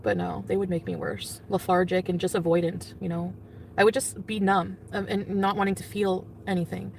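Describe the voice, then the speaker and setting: Heard through distant, noisy clip audio, the vlogger being reacted to chats with her viewers, rambling with plenty of fillers and laughter. This time her voice sits on the low side, gravelly and a little mellow, at a normal pace.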